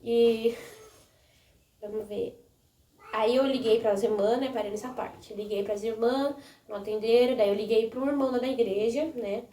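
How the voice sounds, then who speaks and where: A woman's voice: fairly high pitch, steady tone, moderate pace, dark tone. A young woman vlogger casually telling her viewers a long personal story, rambling with many restarts and little questions. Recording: echoey room, mic a bit distant.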